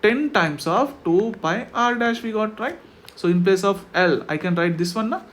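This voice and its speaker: Male maths tutor, Indian accent, high voice, explains step by step with constant check-in questions; faint noise behind. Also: animated, normal speed, fairly bright tone. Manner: repetitive checking questions with tag words. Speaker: maths teacher.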